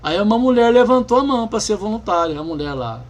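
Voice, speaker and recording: A man's voice: high-pitched, big pitch swings, fast talker, highs cut off. A man preaching a testimony in a storytelling manner, acting out the people in it. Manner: storytelling, acts out the people he tells of, emphatic.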